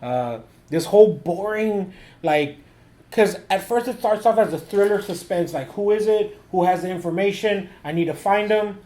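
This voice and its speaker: High-voiced man, slangy and halting. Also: mellow. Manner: halting, slangy, heavy use of "like" and repetition. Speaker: film review co-host. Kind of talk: casual film review chat with profanity.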